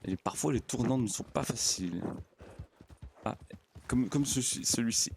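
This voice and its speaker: A man's voice: mid-range voice, moderate pace, creaky, a little mellow, slight background noise, lightly acted. A man playing a naive, polite young frontier pastor in an in-character roleplay. He talks to his horse in a formal, fussy way and often stammers and repeats words. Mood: chatty. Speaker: roleplay player.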